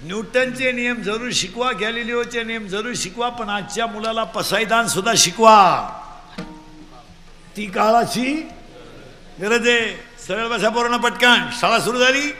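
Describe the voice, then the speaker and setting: A man from Maharashtra delivering a comic devotional sermon, loudly quizzing his audience and urging them to shout back answers. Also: very high-pitched, unhurried, soft background music. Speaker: kirtan preacher.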